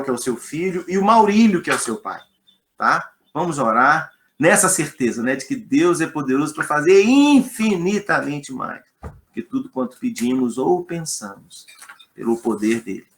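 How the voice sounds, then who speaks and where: A man's voice: mid-range voice, lively intonation, normal speed, slight background noise. A Brazilian man leading a church class online, friendly and informal, stumbling over a list of names. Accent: Brazilian Portuguese. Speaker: Sunday school class leader. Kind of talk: casual online class talk.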